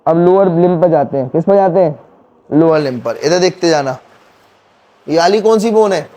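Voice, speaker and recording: A man's voice: a little high, normal speed, dark tone. A male teacher giving a classroom anatomy lecture, quizzing students and counting bones aloud. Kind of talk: classroom lecture with call-and-response questions.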